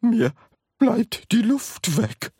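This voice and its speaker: A storybook reader voicing a cranky, gasping old grandmother with a high, grumbling voice. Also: huge pitch swings, measured pace, husky, no echo, clean studio sound, full character voice.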